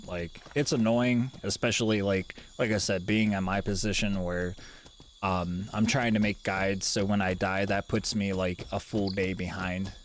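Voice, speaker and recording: A man's voice: low-pitched, level tone, measured pace, a little hiss or hum. A man streaming a game live, talking in a laid-back, rambling way and swearing casually.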